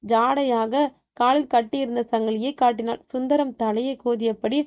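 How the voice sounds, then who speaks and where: A woman reading a horror story aloud as a storyteller, in an even, measured way. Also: fairly high pitch. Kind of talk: scripted horror story narration.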